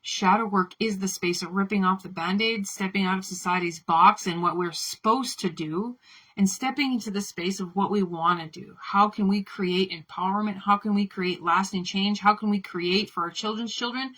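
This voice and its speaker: A woman's voice: mid-range voice, moderate pace, bright, forceful tone, rough recording. A woman delivering an impassioned spiritual monologue, fiery and profane, building repeated chant-like affirmations. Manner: fiery, swearing, chant-like repetition. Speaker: spiritual speaker.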